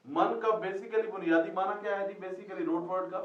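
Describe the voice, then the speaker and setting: Man, teacher, quizzes and repeats answers, slightly high voice, roomy echo, distant dull lo-fi sound. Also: steady tone, moderate pace. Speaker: Quran Arabic teacher. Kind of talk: classroom lesson with questions to students. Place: classroom. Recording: echoey, distant, dull lo-fi classroom recording.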